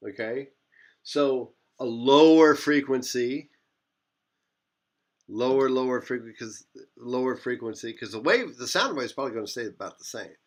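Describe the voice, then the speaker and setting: At medium pitch and a moderate pace, this man teaches physics in a lecture that wanders. He often stops to correct himself and says the same phrases again.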